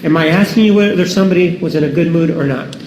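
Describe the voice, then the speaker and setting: A man with a high voice cross-examines a witness, pressing and insisting on yes or no. The courtroom recording rings with room echo. A faint hiss sits underneath. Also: quick pace, darkish tone. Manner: pressing, demands yes-or-no answers. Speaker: prosecutor. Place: large echoey courtroom.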